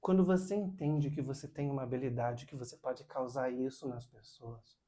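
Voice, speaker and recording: A man voicing a calm, wise older male monk who speaks slowly and softly. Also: mid-range voice, lightly acted. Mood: earnest. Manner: slow, soft, measured speech.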